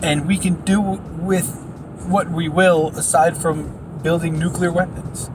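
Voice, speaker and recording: A man's voice: a little high, level tone, a little slow, noisy background. A man talking casually to his camera as a vlogger, joking and punning as he rambles along. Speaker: vlogger documenting a land purchase. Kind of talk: casual vlog chat.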